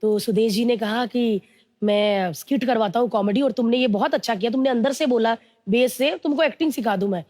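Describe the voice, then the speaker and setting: A woman in her thirties from India, telling her life story in an interview, slowly and earnestly, mixing English words into her talk. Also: on the high side, a little mellow, no room sound, clean studio sound. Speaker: interview guest.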